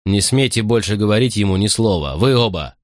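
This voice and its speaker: A man's voice: fairly low pitch, animated, fairly quick, no room sound, studio quality, natural voice. A man voicing a stern male sergeant in an audiobook, speaking in short, curt orders. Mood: commanding. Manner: curt, commanding.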